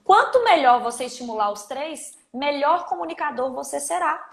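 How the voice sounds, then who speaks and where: Animated Brazilian woman teaching in an echoey room. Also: sits high, normal speed, creaky. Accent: Brazilian Portuguese. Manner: animated, emphatic, explains with everyday examples. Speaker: communication trainer. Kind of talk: live online training talk.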